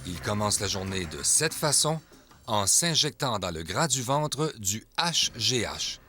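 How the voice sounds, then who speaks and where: Low-voiced male news reporter over music. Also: sing-song, measured pace, bright, forceful tone. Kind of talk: scripted news narration.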